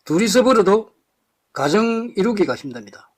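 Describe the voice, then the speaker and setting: A man addresses a live audience with fiery conviction, his high voice swinging widely in pitch as he hammers home rhetorical questions. He's blunt and throws in harsh insults, speaking at a moderate pace with a breathy edge.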